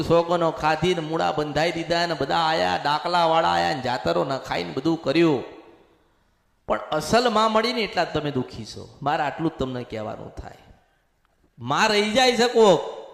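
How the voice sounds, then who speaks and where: This man's voice is gravelly and fairly high in pitch as he acts as a spiritual medium, delivering a possession sermon. He speaks as a goddess in the first person and repeats a lot, and the echoey hall adds long reverb.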